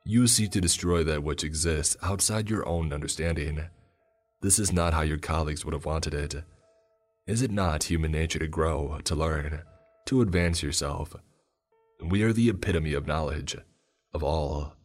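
A man voicing a many-mouthed alien tree being in a slow, calm, ethereal and distant voice, in a horror story. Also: rumbling low, faint music behind. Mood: lofty.

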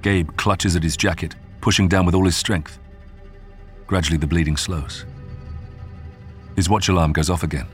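A man narrates in a steady, scripted documentary style. His voice sits very low and deep. Soft music plays quietly beneath him. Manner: measured, even storytelling delivery. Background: faint music.

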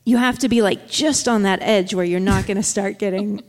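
Chatty woman musher, quick and casual. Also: medium pitch, in a large hall. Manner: quick, chatty, many fillers. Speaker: guest, dog musher. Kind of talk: casual interview chat.

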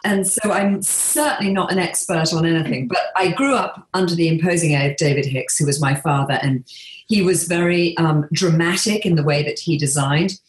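English woman guest, low voice, slow and reflective, roomy echo. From England. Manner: measured, with frequent um and restarts. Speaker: interior designer and author being interviewed. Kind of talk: reflective interview talk.

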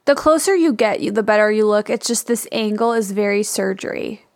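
A woman's voice: medium pitch, expressive, a little fast, dry recording, studio quality. A woman co-hosting a podcast in a chatty, informal, conversational way. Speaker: podcast co-host. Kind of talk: casual chat.

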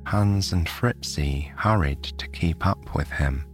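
A British man from the United Kingdom narrating a bedtime sleep story in a soft, soothing way. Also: sits low, takes it slowly, faint music behind.

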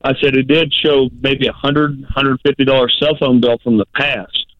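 Halting male caller over the phone. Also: mid-range voice, little pitch movement, no echo. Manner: hesitant, halting, polite with sir and ma'am. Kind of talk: casual call-in chat. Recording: tinny dry phone line.

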